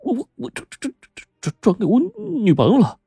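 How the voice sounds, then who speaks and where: A man voicing a frightened, sly teenage nephew who stammers and pleads in a raised, husky voice. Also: medium pitch, big pitch swings, fast, mellow, no echo, clean studio sound, faint music behind, pitched above the performer's own voice. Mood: nervous.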